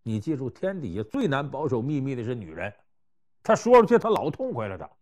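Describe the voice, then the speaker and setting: A man telling historical and everyday anecdotes to give life advice, conversational and animated, swinging between loud and hushed. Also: mid-range voice, a little fast. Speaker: storyteller giving life advice. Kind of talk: anecdotal storytelling talk.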